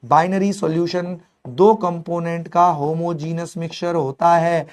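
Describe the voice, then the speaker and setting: Young guy teaching chem online, high voice, super animated, talks to students like his own kids, hindi with english words. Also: unhurried. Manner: mixes Hindi with English terms. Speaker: chemistry teacher. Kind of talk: online exam-prep lecture.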